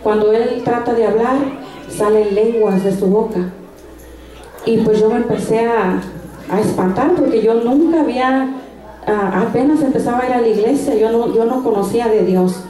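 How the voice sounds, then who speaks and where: A woman with a dark-toned voice on the high side gives an earnest faith testimony during a church service, speaking at a normal speed and restarting often. The recording carries an echoey room sound.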